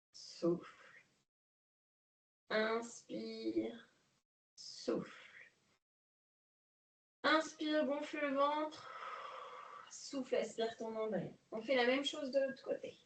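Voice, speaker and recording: A woman leading a guided prenatal exercise class, calmly counting breaths and giving coaching cues. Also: high-pitched, recorded from a distance. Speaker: prenatal fitness instructor. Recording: echoey room, voice off-mic.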